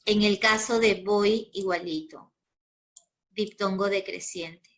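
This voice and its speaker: A woman's voice: mid-range voice, steady tone, takes it slowly, a bit bright. A woman with a Peruvian accent teaching a grammar lesson, explaining patiently step by step and checking in with her students. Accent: Peruvian Spanish. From Peru.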